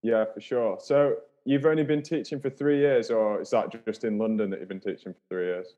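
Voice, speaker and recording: A man's voice: on the low side, steady tone, brisk, warm tone, highs cut off. A man hosting a podcast, talking in a friendly, chatty way and laughing easily. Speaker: podcast host. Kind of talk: casual interview.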